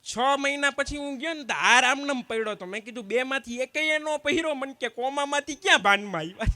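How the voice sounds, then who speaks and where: Man, stand-up comedian, very high voice, dry sound, acts out both sides of each dialogue. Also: sharp tone, dry recording. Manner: quick anecdotal storytelling, acting out both sides of each exchange. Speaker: stand-up comedian at a community gathering. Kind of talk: live stand-up joke telling.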